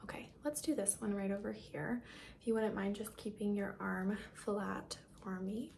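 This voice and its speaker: In an ASMR role-play, a woman plays a caring female doctor giving a check-up, gentle, soft-spoken, and reassuring. Her medium-pitched voice is soft, breathy, and creaky, steady at a normal speed, with a little hiss or hum in the background.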